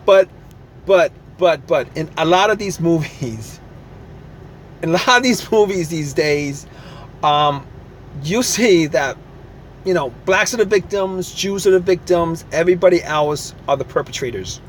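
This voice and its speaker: A man's voice: on the high side, a little slow, a little hiss or hum. A man giving a casual, emphatic opinion rant for his vlog, repeating himself and tagging his points with "all right?" and "okay?". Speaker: vlogger.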